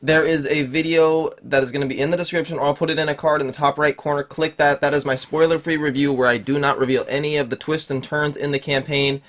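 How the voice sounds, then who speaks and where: A man's voice: a little high, little pitch movement, fast talker, hardly any pauses, a bit bright. Rambling young man reviewing a game. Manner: rambling, with restarts and many "like"s. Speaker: gaming channel host. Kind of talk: casual video game review.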